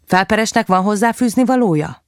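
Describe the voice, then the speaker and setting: A woman's voice: medium pitch, lively intonation, no room sound, studio quality, voice pushed up, natural voice. A woman voicing a stern female judge who formally directs a courtroom hearing. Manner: formal, commanding.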